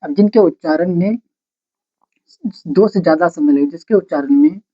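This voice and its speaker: A grammar teacher dictating notes slowly, repeating phrases word by word and asking questions before answering them. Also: medium pitch. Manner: slow, repetitive dictation, breaking sentences into single words. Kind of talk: blackboard-style grammar lesson, dictating notes. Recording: dull lo-fi recording.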